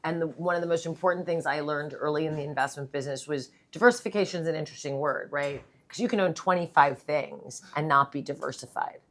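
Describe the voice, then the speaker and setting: A woman on a finance panel, an animated storyteller who jumps in to add points. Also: low-pitched, fast talker, hardly any pauses. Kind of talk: panel discussion.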